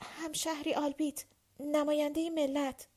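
A woman voicing a frightened young woman in a storybook reading, speaking in a soft, hesitant murmur. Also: sits high, fairly even intonation, close to an everyday voice. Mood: timid.

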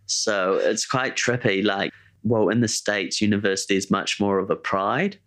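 At a normal speed, a young man with a Kiwi accent rambles easily through a casual podcast chat as co-host. His voice sits fairly low and stays mostly flat, and he leans on "like" and "eh" a lot.

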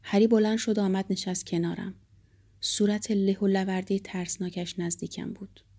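A woman reading a first-person audiobook narration in a steady, reflective manner. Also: medium pitch.

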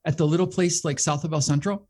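A middle-aged man who hosts a radio show, talking as a guest in a casual interview, animated and self-deprecating, laughing often. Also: a little high, fast talker. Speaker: radio show host and behavioral health manager, guest.

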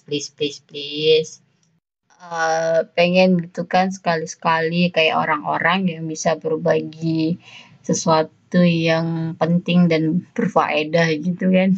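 A young woman with a Javanese Indonesian accent hosting a casual solo podcast, talking fast and rambling with a self-mocking tone and frequent laughter. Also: on the low side. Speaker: podcast host. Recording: slightly dull lo-fi sound.

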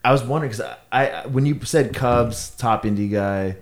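A man's voice: medium pitch, moderate pace. A man chatting casually with friends, rambling a little and dropping dry jokes. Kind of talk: casual banter.

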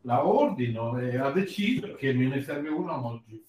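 A man's voice: medium pitch, animated, moderate pace, darkish tone, a little hiss or hum. A man hosting a live show in a casual, chatty way, his voice roomy and a little far from the mic. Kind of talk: casual chat. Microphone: wearing headphones, voice distant from mic. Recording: roomy echo, distant from mic.

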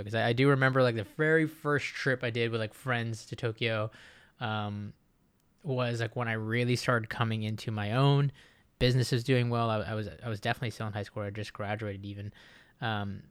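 A man's voice: medium pitch, fairly bright tone, clear, resonant tone, dry recording. A man in his late twenties from Japan, hosting a casual solo podcast and rambling with lots of fillers and restarts. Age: late 20s. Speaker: podcast host.

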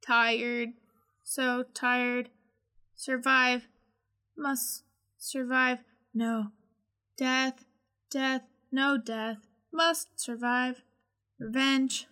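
Woman doing a slow cyborg voice. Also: high voice, little pitch movement, sharp tone, clean tone, heavily acted. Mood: weary, vengeful. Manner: put-on cyborg voice, halting one- and two-word phrases. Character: tired vengeful female cyborg, speaking in clipped fragments. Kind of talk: tabletop role-play.

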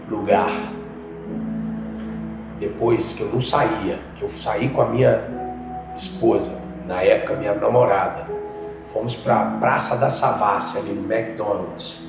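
A man tells his story as a podcast guest, mixing easy slang with bursts of fervent emphasis. The room rings with heavy echo, and music plays clearly behind him. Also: lowish voice. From Minas Gerais, Brazil. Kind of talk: casual personal testimony. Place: podcast studio. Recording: very echoey room with background music.

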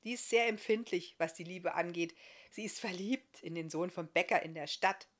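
A woman's voice: fairly low pitch, moderate pace, natural voice. A woman voicing an eager, curious young boy in a storybook. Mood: excited. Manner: eager, excited.

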